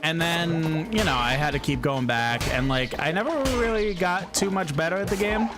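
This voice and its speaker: A man's voice: fairly high pitch, moderate pace. A man chatting casually as a VTuber game streamer, rambling along and greeting viewers in a friendly way. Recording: loud background music. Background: music.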